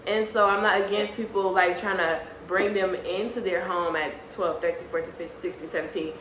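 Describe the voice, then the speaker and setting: Young woman vlog co-host with a sharp, bright voice, blunt comebacks, faint room hiss. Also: lowish voice, fairly even intonation, reverberant. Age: early 20s. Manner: blunt, teasing, quick comebacks. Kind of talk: casual argument on camera.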